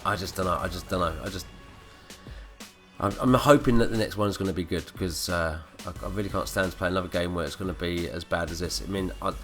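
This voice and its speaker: Ranting gamer with a stuffy nose. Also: male voice, deep voice, fairly bright tone. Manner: ranting, swears freely. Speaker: gaming commentator. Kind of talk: gameplay commentary. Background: faint background music.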